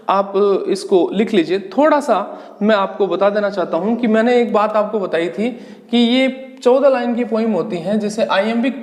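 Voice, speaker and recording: Male lecturer, high voice, patient step-by-step explainer, reverberant classroom sound. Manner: slow, explanatory, repeats key terms and asks rhetorical questions. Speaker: English literature teacher. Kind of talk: exam-prep lecture in Hindi with English terms. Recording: echoey, reverberant room.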